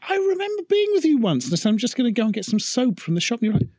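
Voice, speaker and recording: A man's voice: very high-pitched, huge pitch swings, racing, darkish tone, no echo, studio quality. Wry Norfolk man with quips. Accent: Norfolk English. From Norfolk, England. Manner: wry, joking asides. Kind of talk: casual podcast chat.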